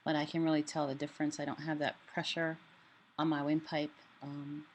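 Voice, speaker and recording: A woman giving a casual personal update in a halting way, her voice limited in range and altered by a sore, swollen throat after surgery. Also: low voice, level tone. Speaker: vlogger sharing a health update. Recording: clearly noisy room ambience.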